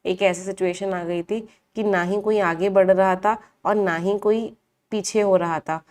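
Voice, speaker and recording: A woman's voice: mid-range voice, steady tone, a little slow, darkish tone. Woman teaching vocabulary in an online class. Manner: asks the class questions and answers them herself, repeats meanings. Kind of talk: online live class, Hindi-English mix.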